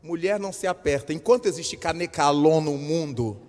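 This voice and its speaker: A bold, teasing woman full of cheer, as a male speaker puts her on during a lecture. The voice sits high and carries a long hall reverb behind it. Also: fairly quick, a little mellow, lightly acted. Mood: cheerful.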